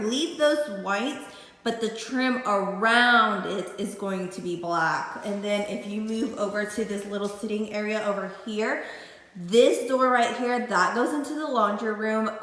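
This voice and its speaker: A woman's voice: mid-range voice, a bit bright. A woman chatting casually in a home vlog, rambling and correcting herself as she goes, heard with a strong echo from a bare, empty room. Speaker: home vlogger. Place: freshly painted house with almost nothing set out. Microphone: phone camera she holds and flips around. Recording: very echoey bare room with long reverb.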